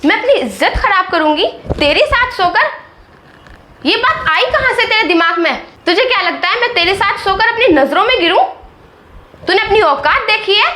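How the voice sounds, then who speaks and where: A woman playing a defensive, sharp-tongued young daughter-in-law in a family drama skit, scolding indignantly. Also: extremely high pitch, a little hiss or hum, exaggerated voice. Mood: furious. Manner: indignant scolding, rapid rebukes.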